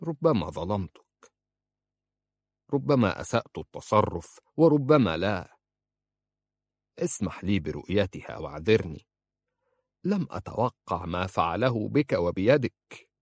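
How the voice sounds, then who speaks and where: A man voicing an older judge and father, proud and stubborn, speaking in a stern, measured way. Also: fairly low pitch, very animated, a little mellow, no echo, heavily acted.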